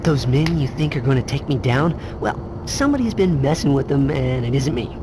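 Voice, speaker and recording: A man's voice: medium pitch, lively intonation, brisk, background noise, natural voice. A man playing a cocky, playful young superhero in a video game, quippy, sarcastic and chatty. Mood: mocking, cheeky. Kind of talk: video game cutscene voice acting. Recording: loud music over the voice.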